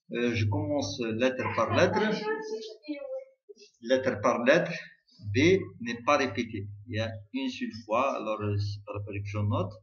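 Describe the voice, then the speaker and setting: A man tutoring a university maths class, talking slowly and repeating himself, spelling words out letter by letter. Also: mid-range voice, reverberant, lo-fi sound. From Algeria. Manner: slow and repetitive, spells out letters one by one. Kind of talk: recorded tutorial lesson.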